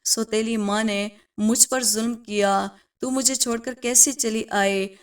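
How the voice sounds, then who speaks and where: A woman's voice: a little high, fairly even intonation, recorded from a distance, lightly acted. A woman voicing a frightened, grieving young orphan boy in a storybook tale, pleading and tearful.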